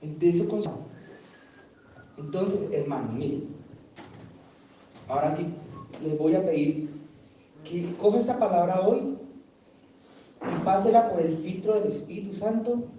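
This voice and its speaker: A man's voice: high-pitched, unhurried, long pauses, dark tone, a little hiss or hum. A man preaching a sermon in a church, talking with the congregation and asking them questions. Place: church hall. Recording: echoey, distant, dull church recording.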